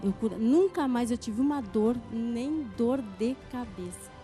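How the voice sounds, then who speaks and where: Woman, middle-aged, earnest storyteller, warm mellow voice, soft music behind. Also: on the high side, expressive, a little slow. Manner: earnest storyteller acting out quoted speech. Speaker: church member giving testimony. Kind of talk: emotional testimony.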